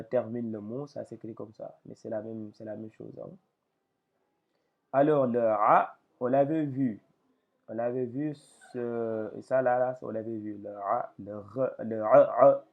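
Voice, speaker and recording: Man, teacher, slow hesitant delivery, gravelly, tinny phone-like recording. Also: mid-range voice. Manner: slow, hesitant with many fillers. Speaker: Arabic reading teacher. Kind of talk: lesson explaining letters.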